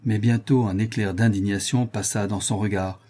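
A man reading a seafaring novel aloud as narrator, measured and steady. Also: on the low side. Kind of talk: audiobook reading.

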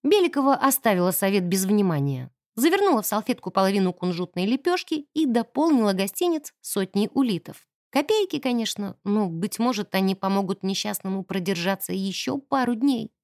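A woman narrating an audiobook in a vivid, animated storytelling manner, close on the mic. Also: mid-range voice, fairly quick, hardly any pauses, no echo.

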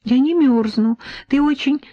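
A woman reading an audiobook, voicing a young woman artist in a raised, lively voice. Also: sits high, unhurried, no echo, muffled recording, voice pushed up. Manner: raised, lively girlish delivery. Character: young adult woman artist, wistful and playful.

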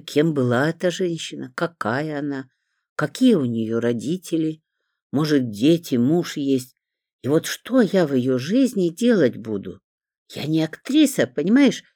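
An audiobook reader voicing a plump, tearful psychiatric patient who pleads in a plaintive, childlike way, with a lively delivery. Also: medium pitch, measured pace, no room sound, clean studio sound. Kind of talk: audiobook character reading.

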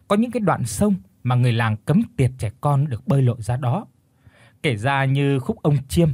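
A man reading a ghost story aloud in a measured, even storytelling voice. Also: medium pitch, breathy edge, dry recording. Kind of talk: scripted ghost story narration.

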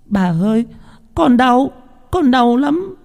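A man voicing a frightened little boy who pleads in a high whimper. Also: sing-song, slow, vocal fry, darkish tone, in a large hall, full character voice. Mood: pleading.

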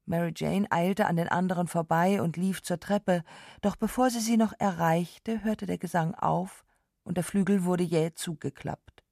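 A woman narrating a literary story for radio in a calm, measured way. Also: fairly low pitch, vocal fry, no room sound, clean studio sound.

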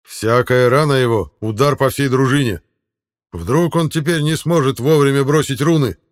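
A man voicing a stern grown Viking king who speaks slowly, hard and lecturing, in an audiobook. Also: medium pitch, lively intonation, lightly acted.

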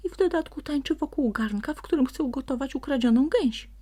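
A woman voicing a small, excitable male forest elf who calls out in shrill, breathless exclamations. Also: brisk, natural voice. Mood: indignant.

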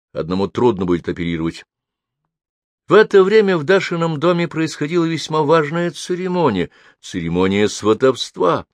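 A man with a low voice narrates a scripted audiobook in a measured, even manner. The recording is dry and close, with no room sound.

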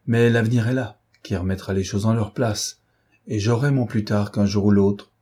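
A man's voice: fairly low pitch, fairly even intonation, moderate pace, mellow, husky. A man reading as Arsène Lupin, bold and boastful. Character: self-assured adult male gentleman thief.

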